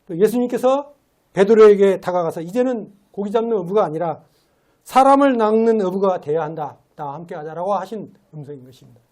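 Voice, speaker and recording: A man's voice: sits high, dark tone. A man giving a sermon as a lay preacher in a church, talking in a conversational way and asking rhetorical questions. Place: church sanctuary.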